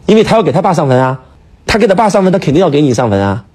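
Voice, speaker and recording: A man's voice: a little high, big pitch swings, rapid-fire, darkish tone, breathy edge. A man lecturing in a casual chat, emphatic and full of rhetorical questions, talking to his listener like a teacher. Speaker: speaker, teacher.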